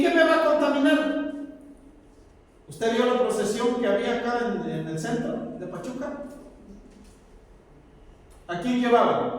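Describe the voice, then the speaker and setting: A man's voice: high-pitched, darkish tone. A man, preaching a sermon emphatically and asking the listeners rhetorical questions. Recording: very echoey hall, speaker far from mic.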